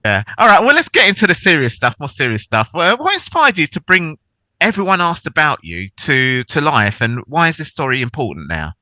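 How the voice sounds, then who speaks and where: A man's voice: on the high side, huge pitch swings, brisk, pushed and bright, no echo. A man with a London accent hosting a podcast interview, chatty and jokey, laughing easily. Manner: jokey, laughs often, bouncy delivery. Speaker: podcast host.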